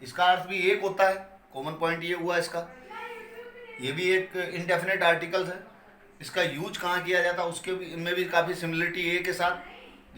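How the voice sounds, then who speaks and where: A man with a fairly high, sharp-toned voice gives a classroom lecture on English grammar in Hindi, using Hindi-accented English terms. He explains patiently, repeating key points and posing questions he then answers himself, in an echoey room with faint ambient noise.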